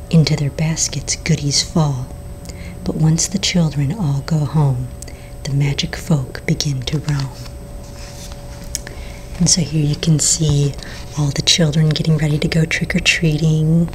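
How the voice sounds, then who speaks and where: A woman gives a whispered role-play of a library story hour in a soft, breathy library whisper. Her voice sits low, and she moves gently and informally through a picture book. A faint low rumble of noise lies under the recording. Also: poor audio. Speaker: librarian reading a Halloween picture book aloud.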